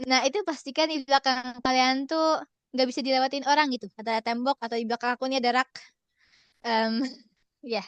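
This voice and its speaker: A woman's voice: high voice, steady tone, a little fast, long pauses, clean tone, dry recording. A young woman presenting an online workshop from a relative's home in a casual, cheerful way, often laughing and slipping in English phrases. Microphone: video call.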